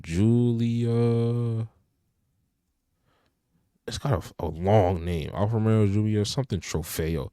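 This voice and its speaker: A young man with a deep, low voice talks cars in a relaxed, rambling way, leaning on filler words. The sound is close and dry, with no room around him. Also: slow, pauses often, clean tone, no echo. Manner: laid-back, many fillers like "you know". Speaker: podcast co-host. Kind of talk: casual car chat.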